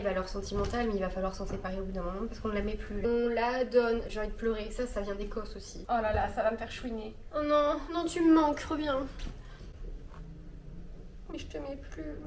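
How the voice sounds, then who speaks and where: A woman's voice: on the high side, echoey room, a little hiss or hum. Chatty woman with a rusty sick voice. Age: 30s. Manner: chatty, indecisive, self-mocking. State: ill with a rough, rusty voice. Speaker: lifestyle vlogger. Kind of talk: casual chat sorting clothes. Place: at home by her wardrobe.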